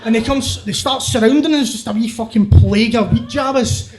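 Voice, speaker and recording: A middle-aged Glaswegian comedian with a notably high voice for a man, telling a story on stage. He is rowdy and sweary, laughing through his own telling. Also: fairly quick, darkish tone. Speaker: stand-up comedian. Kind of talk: stand-up storytelling.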